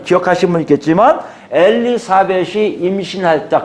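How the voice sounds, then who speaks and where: High, animated male preacher. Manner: animated, asking many rhetorical questions. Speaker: pastor. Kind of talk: expository sermon.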